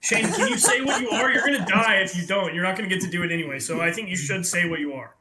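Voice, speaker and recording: A man's voice: high-pitched, lively intonation, quick pace, pushed and bright. A man casually debating with other players in a social deduction game.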